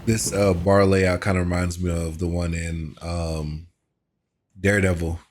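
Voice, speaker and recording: A man's voice: low-pitched, level tone, measured pace, slight background noise. A man hosting a reaction video, commenting in a casual, conversational way with plenty of slang.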